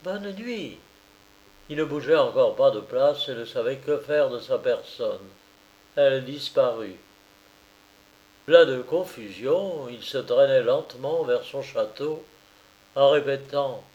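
A man narrating a novel in a measured storytelling manner. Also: medium pitch, darkish tone, highs cut off. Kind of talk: scripted audiobook narration.

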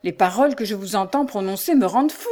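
A woman's voice: fairly high pitch, very animated, normal speed, darkish tone. A woman voicing an alarmed young husband. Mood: protesting. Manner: urgent, alarmed, protesting. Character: anxious young nobleman, bewildered husband.

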